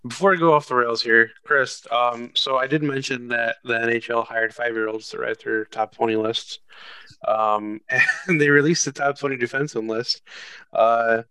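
A man's voice: medium pitch, steady tone, moderate pace, sharp tone, clean tone. A man hosting a casual sports podcast, rambling and often cutting himself off mid-sentence. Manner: rambling, self-interrupting. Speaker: podcast host.

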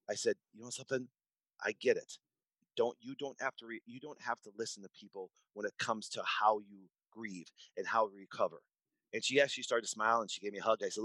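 A man's voice: fairly low pitch, steady tone, fast, fairly bright tone, no echo, poor audio. A man in his forties speaking as a doctor in an interview, emphatic and repetitive, often restarting his sentences. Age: 40s. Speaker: podcast guest, doctor. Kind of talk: conversational interview storytelling.

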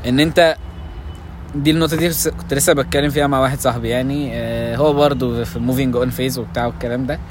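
A man's voice: medium pitch, steady tone, fast, over music. A man with an Egyptian Arabic accent hosting a casual podcast chat, asking probing questions and mixing in English phrases. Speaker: podcast host.

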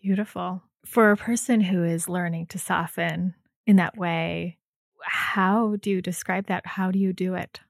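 Lady host with a lowish voice, gentle questions, dead dry recording. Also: fairly even intonation, unhurried, creaky, dry recording. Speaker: podcast host. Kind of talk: interview hosting.

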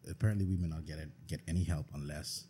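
A man's voice: rumbling low, steady tone, quick pace, mellow, a little hiss or hum. A Bahamian man, a podcast guest, talking bluntly and earnestly in a casual discussion, often repeating himself.

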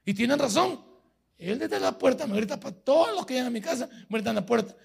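A man's voice: very high-pitched, animated, fast talker, gravelly, slightly rough. A man with a Salvadoran Spanish accent, a pastor preaching a sermon in a folksy way, full of everyday stories from home.

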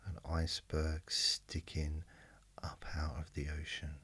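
Man, extremely low husky voice, mesmerizing hypnotist delivery, very slow, breathy near-whisper. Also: monotone. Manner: mesmerizing, slow and hushed, with long pauses. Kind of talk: slow guided hypnosis narration.

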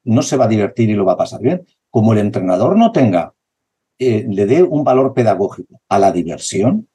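Passionate coach, dark lively voice. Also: male voice, on the low side, brisk, husky. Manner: passionate, repetitive, acts out dialogue. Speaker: basketball coach and educator. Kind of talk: conversational interview.

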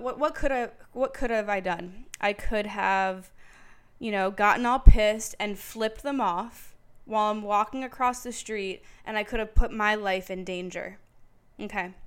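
A woman in her late twenties hosting a podcast, telling a story in casual chat, candid and profane, growing louder and more heated as she recounts it. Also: mid-range voice, clean tone. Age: late 20s. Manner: candid and profane, retelling with emphatic repetition. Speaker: podcast host. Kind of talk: casual solo storytelling monologue.

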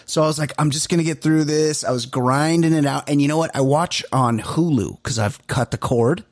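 A man's voice: fairly high pitch, brisk, no echo, studio quality. A man co-hosting a podcast, talking loosely and chattily, with lots of "like". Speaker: podcast co-host. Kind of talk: casual chat.

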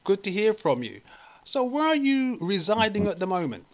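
Man, podcast host, high-pitched, friendly, direct questions. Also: sing-song, normal speed. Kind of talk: interview podcast.

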